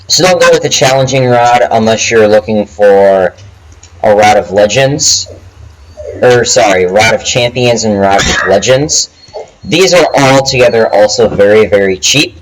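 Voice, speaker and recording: Man on a crappy low-quality mic. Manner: chatty, casual, frequent ums and restarts. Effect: low quality microphone audio. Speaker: gaming video host. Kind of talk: casual game tutorial narration. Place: home, dogs nearby. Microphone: cheap headset microphone.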